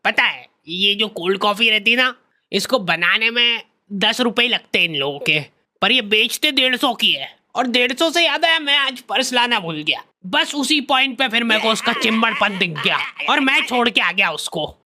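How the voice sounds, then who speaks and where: A man's voice: very high-pitched, expressive, moderate pace, pushed and bright, heavily acted. A man playing a boastful college senior who lectures younger boys about girls, in a bragging, preachy manner. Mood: lecturing. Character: boastful male college senior, self-styled love guru. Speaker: senior student.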